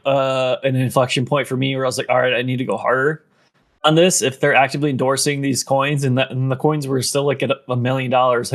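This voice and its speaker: A man with a medium-pitched, somewhat bright voice is rambling on a casual podcast. He keeps saying "like" and "um" and seems to be running out of breath.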